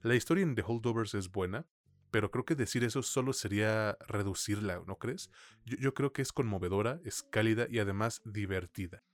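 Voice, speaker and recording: A man with a Mexican accent co-hosts a podcast, giving a conversational film review in informal, slangy language peppered with swearing. His voice is on the low side and fairly quick, with no room sound.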